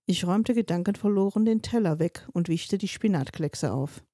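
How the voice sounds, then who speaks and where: A woman's voice: mid-range voice, moderate pace, mellow, dry recording. A woman reading a darkly comic story aloud, in a dry, wry storytelling manner. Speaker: narrator.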